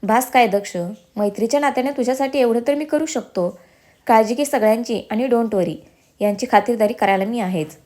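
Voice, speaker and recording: A woman voicing a calm, reassuring young police officer in a storybook reading. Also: a little high, fairly quick, close to an everyday voice.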